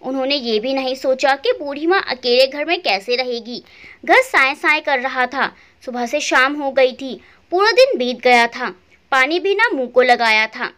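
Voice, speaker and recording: A woman's voice: sits high, animated, unhurried, a bit bright. A woman telling a scripted first-person family story in an emotional, plaintive way.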